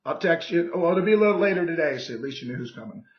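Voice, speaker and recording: A hoarse man losing his voice, a real estate agent making a pushy, persuasive sales call who keeps checking in with "okay?" and clears his throat often. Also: fairly high pitch, expressive, very fast, echoey room, highs cut off.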